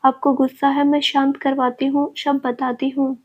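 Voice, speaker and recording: A woman's voice: high-pitched, little pitch movement, normal speed, darkish tone, natural voice. A woman voicing a desperate young woman who pleads and insists through tears. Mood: pleading, tearful. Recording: dull lo-fi recording.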